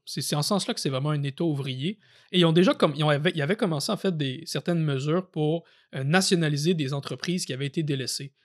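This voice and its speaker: A man with a Québécois French accent and a slightly high voice walks through history in a relaxed, conversational way. He thinks aloud as he talks, repeating words and dropping in fillers. It sounds like an audio-only podcast discussion. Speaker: podcast co-host. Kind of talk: casual political history discussion.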